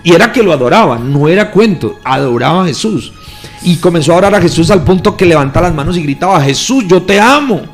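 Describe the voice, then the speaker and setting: A man's voice: on the high side, expressive, fast talker, faint music behind. A man, a pastor, tells a testimony with feeling in an interview, acting out the voices he quotes. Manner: earnest storytelling, quoting voices with feeling.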